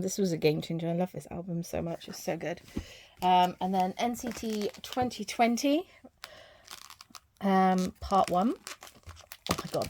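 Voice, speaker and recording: A woman talks casually to camera at an ordinary middle pitch. She rambles along with frequent ums and restarts. A faint noise sits under her voice. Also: darkish tone. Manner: chatty and rambling, many ums and self-corrections. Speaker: vlogger showing her album collection.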